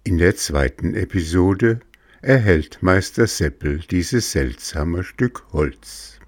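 A man narrating a children's story in a measured, deliberate manner. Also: deep voice, animated, dry recording, clean studio sound.

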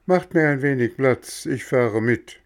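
A man's voice: medium pitch, a little slow, pitched above the performer's own voice, lightly acted. Bengele, a man doing a pleading puppet boy. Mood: earnest. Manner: earnest and protesting.

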